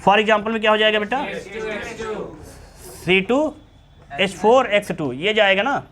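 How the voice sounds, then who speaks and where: Brief: male chemistry teacher, high voice, teaching a live class and checking constantly that students follow. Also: measured pace, a bit bright. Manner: repeatedly checks understanding, calls students beta. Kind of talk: classroom lecture.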